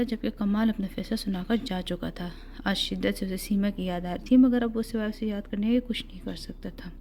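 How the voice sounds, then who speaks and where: A woman narrating an audiobook novel with steady, even storytelling. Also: medium pitch, a little hiss or hum.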